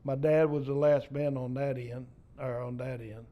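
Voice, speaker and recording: A man's voice: mid-range voice, level tone, normal speed, warm tone. An older man from East Texas with a Texan accent, telling a profane family story in casual storytelling style. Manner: salty, profane yarn-spinning.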